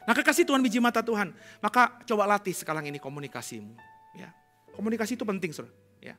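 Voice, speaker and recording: Bright-voiced male pastor preaching. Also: sits high, animated, rapid-fire, faint music behind. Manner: plain-spoken, addresses the congregation directly with rhetorical questions; swings between emphatic and hushed delivery. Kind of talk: sermon. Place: church congregation.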